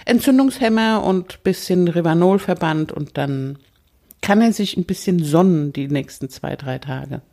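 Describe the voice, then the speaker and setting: A woman's voice: on the low side, lively intonation, unhurried, dark tone. A woman co-hosting a podcast, chatting casually in a playful, teasing way. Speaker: podcast co-host. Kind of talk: casual chat.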